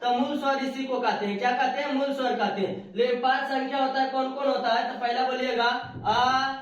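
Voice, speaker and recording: Male teacher, repetitive call-and-response delivery, recorded off-mic in a booming room with muffled sound. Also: steady tone, brisk, a bit bright. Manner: repetitive question-and-answer drilling, affectionate. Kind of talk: spoken video lesson. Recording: very echoey room, far from the mic, dull sound.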